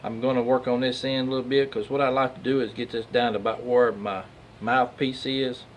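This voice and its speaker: A man's voice: mid-range voice, flat delivery, fairly quick. A man with a Southern US accent giving a casual, plain-spoken, hands-on workshop tutorial as a craftsman. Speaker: craftsman demonstrating duck call making. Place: workshop at a lathe. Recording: loud machinery and workshop noise.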